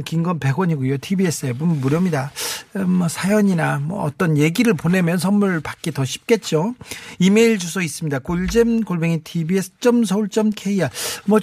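A man's voice: sits high, a little mellow, no echo. A middle-aged man hosting a late-night radio show, chatting playfully and reading out listener messages. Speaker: radio host. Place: radio studio.

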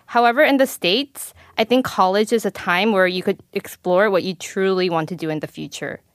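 Young woman guest on a podcast, smooth clear voice, relaxed, dry close mic. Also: medium pitch, normal speed, no room sound. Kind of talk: casual chat.

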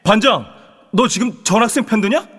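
An arrogant elite high schooler in an audio drama. His high, cutting voice drips with haughty sneering and carries a long reverb. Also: moderate pace, a bit bright, slightly rough. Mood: scornful, hostile.

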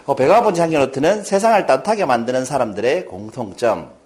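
A man's voice: mid-range voice, quick pace. A man giving a lecture to an audience, telling stories and acting out the characters' lines. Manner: lively, acts out quoted characters. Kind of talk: lecture with storytelling.

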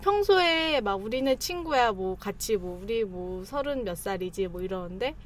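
A woman in her thirties telling stories on a casual talk show panel, animated and trailing into fillers. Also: mid-range voice, moderate pace, a little hiss or hum. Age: 30s.

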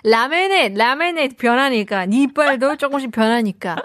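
A woman's voice: high voice, lively intonation, brisk, a bit bright, no room sound, studio quality. A woman hosting a casual radio chat, playful and laughing often, slipping English phrases into her talk. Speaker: radio host.

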